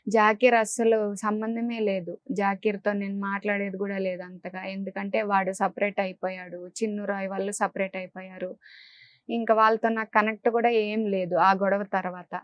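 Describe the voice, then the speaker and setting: A young woman answers an interviewer in a quiet, hesitant way, often pausing and restarting her sentences. Her voice sits at an ordinary middle pitch. The recording is dry and close, with no room echo. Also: level tone, highs cut off. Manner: subdued, hesitant, with many pauses and restarts. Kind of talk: candid interview recounting a breakup.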